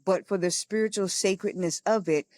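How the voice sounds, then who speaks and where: A woman talks openly and earnestly on a spiritual podcast, mixing teaching with blunt, profane storytelling. Her pitch sits in an ordinary middle range, and she laughs easily. The recording is dry and close, with no room echo. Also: normal speed, a little mellow. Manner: frank and profane, laughing often. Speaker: podcast co-host. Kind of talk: casual spiritual talk.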